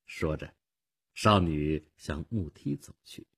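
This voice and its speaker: A man narrating a story for radio in an expressive, acted-out style. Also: very deep voice, slow, gravelly, breathy edge. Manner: expressive, acts out the scenes.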